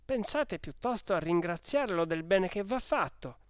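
A man's voice: high voice, animated, normal speed, smooth, no echo, clean studio sound, voice pushed up. A man doing a fretful old village priest. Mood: scolding. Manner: anxious, scolding in hushed tones. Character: fearful fussy old male village priest.

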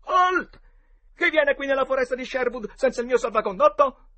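A man's voice: very high-pitched, quick pace, pitched above the performer's own voice. A man voicing a boisterous boy who plays a dramatic outlaw hero in the woods. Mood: boastful. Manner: shouty, dramatic, theatrical.

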